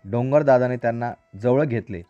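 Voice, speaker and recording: A man reading a children's story aloud in a calm, rhythmic storyteller manner. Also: medium pitch, a little fast, smooth, no echo, faint music behind. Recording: dry, slightly dull recording.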